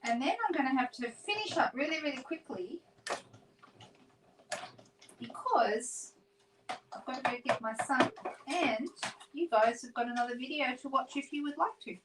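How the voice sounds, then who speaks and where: A middle-aged Australian woman hosts a live papercraft stream, chatting casually, reading viewer comments aloud and self-correcting as she works. Her high voice has lively intonation at normal speed, with frequent pauses. The recording is very noisy.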